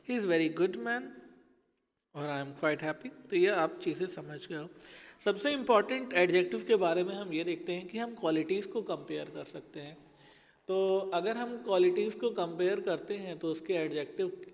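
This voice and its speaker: High-voiced man teaching English grammar. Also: big-room sound. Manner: explains patiently, addresses pupils as children. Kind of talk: classroom grammar lesson.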